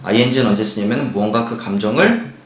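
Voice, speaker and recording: A man teaching an English grammar lesson. He explains each point step by step, asks rhetorical questions and reads example sentences slowly. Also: fairly low pitch, reverberant, a little hiss or hum, low-quality recording. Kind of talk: recorded grammar lecture.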